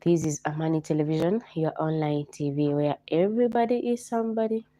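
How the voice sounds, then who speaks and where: Low, mellow-voiced Kenyan woman hosting a livestream. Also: fairly quick, no room sound. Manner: repetitive, coaxing viewers to like and comment. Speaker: live stream host. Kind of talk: live stream chat.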